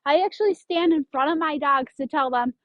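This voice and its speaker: A woman's voice: high voice, fairly quick, dry recording, lo-fi sound. A woman dog trainer explaining leash handling step by step, giving firm short commands to a dog. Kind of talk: instructional demonstration.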